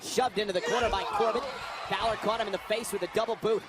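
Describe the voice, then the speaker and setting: A man working as a wrestling commentator, calling the action live move by move in an excited, emphatic, dramatic way. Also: sits high, quick pace. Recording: loud arena crowd noise. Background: roaring crowd in an arena.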